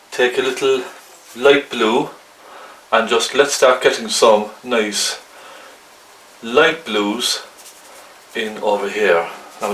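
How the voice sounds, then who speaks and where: A man giving a casual hands-on painting tutorial in a gentle, chatty, coaxing way, often checking in with the viewer. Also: mid-range voice. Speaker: painting instructor. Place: indoor room, painting at a canvas. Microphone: camcorder at a distance. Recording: roomy, distant camcorder mic, faint noise.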